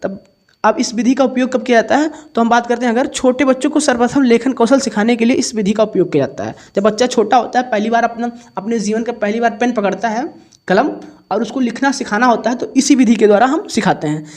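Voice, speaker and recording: Man calmly teaching exam answers. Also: very high-pitched, fast. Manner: explains step by step, repeats each definition. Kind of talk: exam paper solution lesson.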